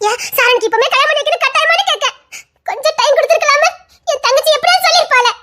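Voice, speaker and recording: A woman playing a shrill, tearful young wife. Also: racing, bright, forceful tone. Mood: despairing. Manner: shrill, accusing, near tears. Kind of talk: audio drama acting.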